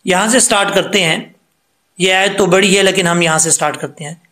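A man teaching Quran pronunciation, patiently explaining each mistake step by step and then reciting the verses slowly in a chanted voice. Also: high voice, steady tone, sharp tone. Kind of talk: tajweed lesson with slow chanted recitation.

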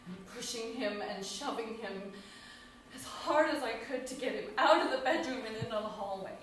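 An actress playing a grieving young woman who confesses her guilt with bitterness, speaking haltingly with faltering restarts in a live stage drama. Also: fairly high pitch, animated, slight background noise, natural voice. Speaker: stage actor playing Abby. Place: small theatre stage. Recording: echoey theatre from far off.

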